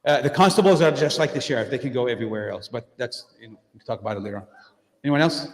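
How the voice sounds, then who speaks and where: A man's voice: mid-range voice, very fast. Plainspoken man in an echoey hall. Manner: direct and plainspoken, frequent fillers and restarts. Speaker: guest speaker at a mosque. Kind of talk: informal community talk with Q&A. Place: mosque hall. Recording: echoey hall with long reverb.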